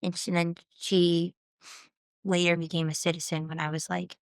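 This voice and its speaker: Appearing as a guest musician on a relaxed podcast, this Southern Californian woman in her twenties sounds thoughtful and sincere, frequently breaking off mid-thought to restart. She talks at a normal pace in a smooth, flat, lowish voice, captured in a dry, clean studio recording.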